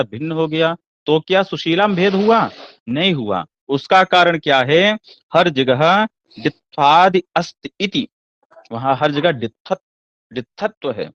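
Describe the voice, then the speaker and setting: A man's voice: on the high side, a bit bright, dry recording. A man teaching classical Sanskrit poetics in a lecture, asking rhetorical questions and answering them himself. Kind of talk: explanatory lecture. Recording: dull lo-fi dry recording.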